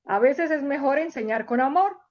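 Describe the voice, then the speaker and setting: A woman voicing a wise, gentle older male leader giving kind advice, on a dull lo-fi recording. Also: sits high, normal speed. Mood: kindly. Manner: calm, kindly advising.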